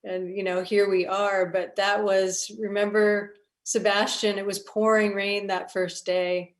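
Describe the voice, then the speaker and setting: Woman producer telling stories about the shoot, relaxed, laughs a bit. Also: mid-range voice, unhurried. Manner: storytelling, casual, light laughs. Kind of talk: festival Q&A conversation.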